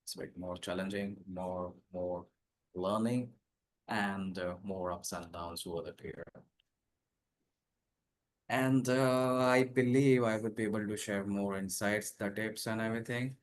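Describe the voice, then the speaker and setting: A man giving a personal career account as a guest speaker in an online session, in a hesitant, halting way. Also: on the low side, steady tone.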